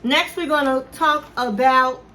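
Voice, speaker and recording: A woman's voice: sits high, fairly even intonation, a little slow, pushed and bright, low-quality recording. A woman recapping a reality show in a chatty, storytelling way, acting out what each person said. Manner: chatty storytelling, acting out the people she quotes. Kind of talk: casual recap commentary.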